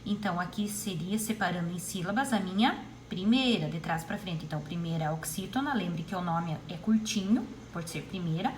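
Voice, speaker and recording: A woman's voice: fairly low pitch, slight background noise, rough recording. Woman teaching children a lesson. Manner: explains slowly and repeats key terms. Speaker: primary school teacher. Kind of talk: recorded classroom lesson.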